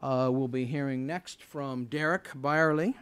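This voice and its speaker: A man moderating a formal event, introducing speakers in a hesitant, halting way. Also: mid-range voice, steady tone, fairly bright tone, clean tone.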